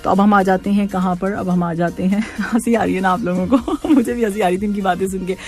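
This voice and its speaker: A woman's voice: medium pitch, fairly quick, darkish tone, soft background music. A woman radio host chatting casually on air, reading out listener messages and laughing often. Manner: chatty, laughs often, mixes in English words. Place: radio studio.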